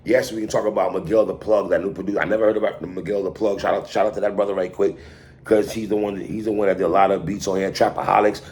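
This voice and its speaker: A deep-voiced New Yorker talks fast with fairly even intonation and a slightly mellow quality, over slight background noise. Reviewing a hip hop album, he's opinionated, emphatic and repetitive, full of slang, and he addresses the artist directly.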